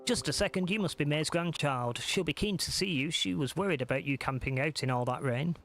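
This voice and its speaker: A man's voice: a little high, brisk, a bit bright, faint music behind. A man reading the lines of a burly, hearty woodsman villager from a cozy game, in a no-nonsense way.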